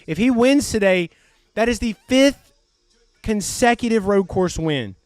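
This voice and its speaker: A man hosting a live race stream, giving excitable, profane, jokey commentary. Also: sits high, unhurried, dry recording, soft background music.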